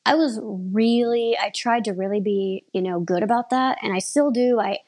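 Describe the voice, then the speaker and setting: A woman's voice: fairly high pitch, moderate pace, darkish tone. A woman in her thirties, an aerial performer, chatting casually in an interview. She rambles and often restarts her sentences.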